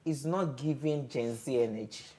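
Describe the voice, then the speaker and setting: A woman's voice: a bass voice, moderate pace, mellow. A woman giving firm opinions on a TV talk panel and often acting out what other people say. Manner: opinionated, emphatic, acts out quoted speech. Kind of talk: studio discussion.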